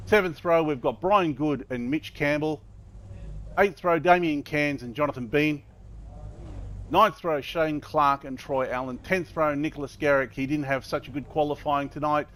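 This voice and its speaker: A man's voice: on the high side, moderate pace, a bit bright. A man calling a motor race live as a commentator, running through drivers and the action.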